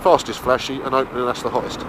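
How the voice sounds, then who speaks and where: While riding a motorbike, a man gives casual, colloquial review commentary from inside his helmet, thinking aloud unhurriedly. His mid-range voice holds a level tone, and the helmet mic sounds muffled, with clear wind and engine noise.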